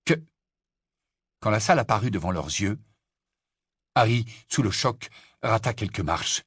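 A man reading a storybook aloud as narrator, with an expressive delivery. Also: on the low side, unhurried, breathy edge, dry recording, studio quality. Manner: expressive reading, varied intonation. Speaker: audiobook narrator.

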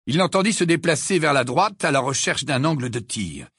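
An audiobook narrator reading a fantasy tale with dramatic, expressive delivery. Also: medium pitch, fairly quick, husky, dry recording, clean studio sound. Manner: expressive, lively storytelling.

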